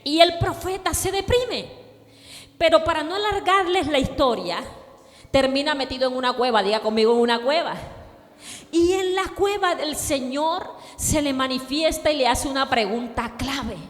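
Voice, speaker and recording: A woman pastor preaching a sermon with fervor, calling on the congregation to repeat after her and rising to shouts. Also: high voice, normal speed, in a large hall. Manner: fervent preaching, rising to shouts, call and response.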